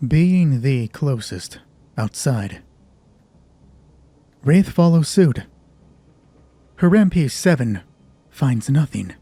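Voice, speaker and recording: His mid-range voice is sing-song, dark, and a bit breathy, delivered slowly with frequent pauses and no room sound. This man hosts a solo tabletop RPG, narrating events and chatting through the rules while thinking aloud and teasing himself.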